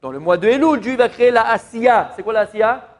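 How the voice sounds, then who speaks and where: Animated man teaching a Torah class. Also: extremely high pitch, fairly quick. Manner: questioning the audience, animated teaching. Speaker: rabbi. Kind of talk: Torah lesson to an audience.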